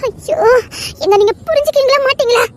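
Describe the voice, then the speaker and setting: Brief: woman doing a tearful wife caught between husband and father, squeaky high voice. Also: fairly quick. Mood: pleading. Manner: pleading, tearful and high-pitched. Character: torn, tearful young wife. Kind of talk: Tamil audio drama acting.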